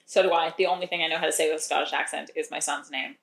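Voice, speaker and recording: A woman's voice: deep voice, steady tone, very fast, creaky, reverberant. A woman co-hosting a podcast, recapping a romance novel in a chatty, wry way and laughing often. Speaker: podcast co-host recapping a book. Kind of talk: casual chat.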